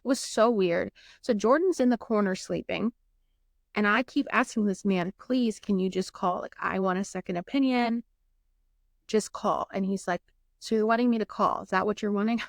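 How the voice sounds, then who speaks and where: A woman's voice: medium pitch, normal speed, creaky, no room sound, studio quality. A young woman hosting a podcast, telling a personal story candidly and emotionally, acting out what others said and swearing now and then. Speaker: podcast host.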